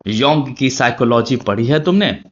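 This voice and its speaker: A man voicing an eccentric young man who scolds and lectures in a loud, mock-serious way. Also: medium pitch, lively intonation, normal speed, dull audio, a little hiss or hum, pitched above the performer's own voice, lightly acted. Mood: lecturing.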